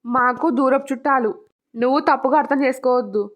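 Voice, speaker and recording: A woman's voice: high voice, steady tone, quick pace, close to an everyday voice. A woman voicing a nervous secretive young husband. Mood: anxious. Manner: anxious muttering to himself. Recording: dull lo-fi recording.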